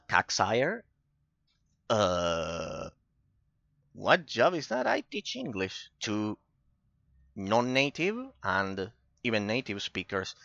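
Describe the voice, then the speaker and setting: A man's voice: lowish voice, bright, forceful tone, no room sound, highs cut off. An Argentine man and native Spanish speaker, chatting casually while streaming a game, with an accent, repeating himself and laughing often. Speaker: gaming streamer. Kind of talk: casual chat over gameplay.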